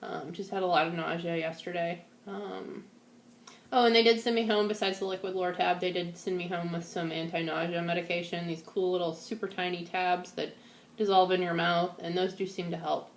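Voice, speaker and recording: Recovering from surgery, a vlogger chats to camera indoors at home in a casual personal diary, her voice weak, trembling and a bit out of it. It's fairly low and steady at a normal speed, with the room giving off echo.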